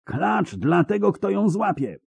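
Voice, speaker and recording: A man's voice: high voice, very animated, unhurried, creaky, slightly rough, no room sound, pitched above the performer's own voice, full character voice. Man doing a bellowing ruthless bandit chief. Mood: barking orders. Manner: shouting harsh commands. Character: ruthless adult male bandit chief barking orders.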